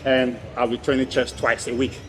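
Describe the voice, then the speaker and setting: A man's voice: medium pitch, level tone, moderate pace, fairly bright tone, a little hiss or hum. A man who is a professional bodybuilder, chatting casually in gym bro slang. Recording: music playing behind.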